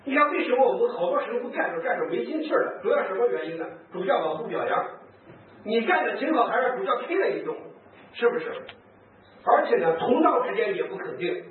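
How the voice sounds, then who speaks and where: An animated priest gives a lively, anecdote-filled talk to priests and nuns, acting out quoted speech and chuckling. His high voice is fast and narrow, the audio tinny with slight background noise in a distant, echoey hall.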